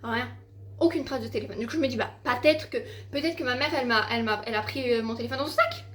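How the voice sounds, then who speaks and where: A woman's voice: fairly high pitch, rapid-fire, slight background noise. Rambling teen girl vlogging at home. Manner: rambling, filler-heavy, swearing, exasperated storytelling. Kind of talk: casual vlog chat to camera. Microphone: handheld phone.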